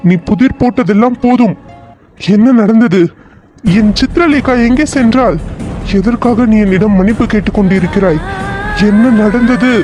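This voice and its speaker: A man's voice: high-pitched, moderate pace, dark tone, soft background music, close to an everyday voice. A man voicing an anxious young hero searching for his missing bride in a cartoon serial, firing off worried questions. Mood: demanding.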